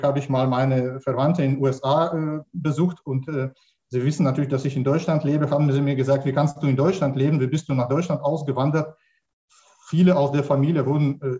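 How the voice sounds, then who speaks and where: Halting man with a Russian accent. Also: medium pitch, warm tone, dull audio. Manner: halting, searching for words with repeated starts. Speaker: academic panelist. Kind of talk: spontaneous panel discussion.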